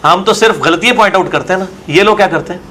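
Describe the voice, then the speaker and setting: A man's voice: high-pitched, rapid-fire, sharp tone. A man, a religious scholar arguing his view in an interview and asking rhetorical questions. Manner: argumentative, full of rhetorical questions.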